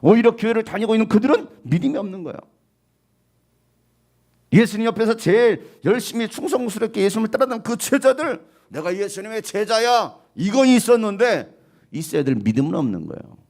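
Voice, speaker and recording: A male pastor preaching a sermon in an animated way, at times acting out the voices he quotes. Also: sits high, brisk.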